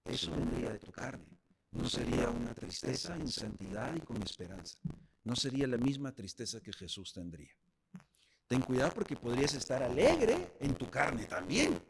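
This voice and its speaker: A man's voice: mid-range voice, sing-song, moderate pace, creaky, a little hiss or hum. A man preaching a sermon as pastor, speaking directly to the congregation.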